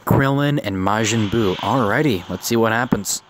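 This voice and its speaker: Excitable young man, right on the mic. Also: on the low side, moderate pace, noisy background. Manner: excitable, stuttering; close to the microphone. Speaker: gaming video maker. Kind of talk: casual live commentary on mobile game summons. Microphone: phone, very close to the mouth. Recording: close-miked phone recording, music behind. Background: game music.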